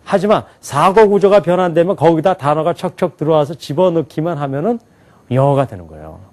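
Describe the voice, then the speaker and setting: A man lectures a room of students. He talks with plenty of lift and fall in a slightly high voice, firing questions at the class and laughing as he goes. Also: brisk. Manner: animated, asks the class questions and laughs often. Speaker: English teacher at an alternative school.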